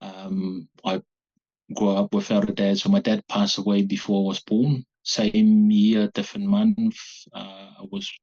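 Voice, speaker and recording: A man talks haltingly, often restarting as he searches for words. His voice sits low and sounds husky. The recording is dull and muffled. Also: darkish tone. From Samoa. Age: 40s. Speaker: guest, abuse survivor. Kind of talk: personal interview.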